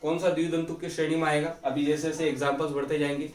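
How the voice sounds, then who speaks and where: Higher-pitched male teacher in an echoey room. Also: flat delivery, fast. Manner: asks questions and answers them himself, repeats key terms. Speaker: chemistry teacher. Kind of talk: classroom lecture. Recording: echoey room, mic far off.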